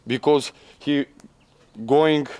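A man's voice: fairly high pitch, fairly even intonation, very slow, mellow, clear, resonant tone. A man in his twenties, a soldier and non-native English speaker, explaining informally in broken English, recorded outdoors on a camera microphone. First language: not English. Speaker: soldier guiding a journalist. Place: outdoors in a garden during field filming.

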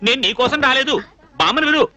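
A man's voice: extremely high pitch, pushed and bright, lo-fi sound, soft background music, exaggerated voice. A young man playing a flustered bachelor who scolds in exasperated bursts in a film comedy scene. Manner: exasperated rapid scolding with comic outbursts. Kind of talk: Telugu film comedy dialogue.

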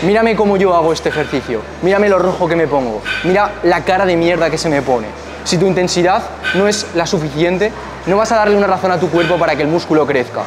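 A young man working as a fitness coach talks straight to the camera in an indoor gym, offering blunt workout advice and posing rhetorical questions. His voice sits high and moves quickly, picked up by a small clip-on mic on his shirt, with background music and other noise behind him.

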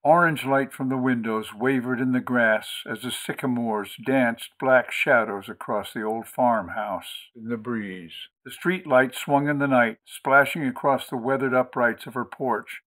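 Steady male audiobook reader. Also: mid-range voice. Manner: steady, measured reading. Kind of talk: audiobook narration.

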